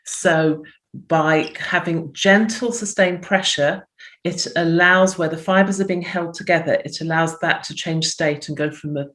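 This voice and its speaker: A woman's voice: sits low, fairly even intonation, measured pace, fairly bright tone. A middle-aged woman from the UK, a physiotherapist, giving health tips in a chatty interview and voicing little inner thoughts as she explains. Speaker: physiotherapist guest.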